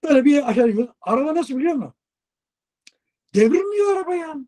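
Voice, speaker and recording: A man, a long-haul truck driver, telling a lively casual story in an interview, acting out dialogue and swearing casually. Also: very high voice, fast talker. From Turkey.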